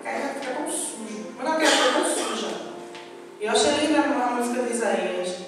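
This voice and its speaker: High-voiced woman preaching in an echoey hall. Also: a little fast. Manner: animated, acts out her own quoted words. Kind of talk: sermon. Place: large church hall. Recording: echoey church hall from far off with music. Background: music.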